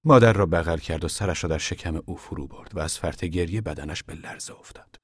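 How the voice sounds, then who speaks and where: A man reading a novel aloud in a calm, measured storytelling voice. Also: sits low, slightly rough, no room sound, clean studio sound. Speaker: narrator. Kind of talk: audiobook reading.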